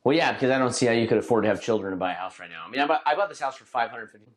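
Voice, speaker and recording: A man's voice: mid-range voice, expressive, very fast. A man co-hosting a podcast in casual chat, rambling with many restarts and fillers. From Northern California. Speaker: podcast co-host.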